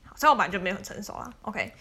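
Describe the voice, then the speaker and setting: Young woman, bright voice, chatty, giggly, casual podcast storytelling. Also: medium pitch, sing-song, rapid-fire, slightly rough. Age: 20s. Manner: chatty, laughs often, many fillers. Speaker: podcast host and tutor.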